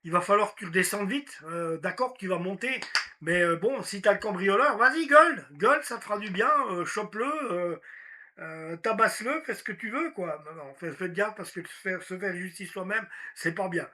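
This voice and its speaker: A man talks casually about personal development in a high, very bright voice. He acts out little inner monologues and speaks in an animated way. His speech is full of fillers. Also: moderate pace. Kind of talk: casual motivational talk.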